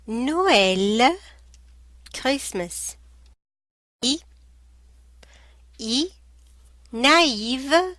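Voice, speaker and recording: A woman teaches pronunciation in a very slow textbook style. She sets out each sound and example word separately with deliberate enunciation, in a dry, close recording free of room echo. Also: mid-range voice, fairly bright tone. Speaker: language teacher.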